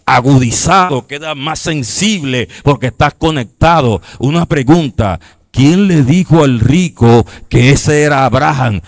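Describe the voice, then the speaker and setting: A man's voice: fairly high pitch, no echo. A man preaching a Bible class, reading scripture and explaining it, often asking the listeners questions to check they are following. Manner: reads scripture aloud and explains it line by line. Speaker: preacher teaching a discipleship class.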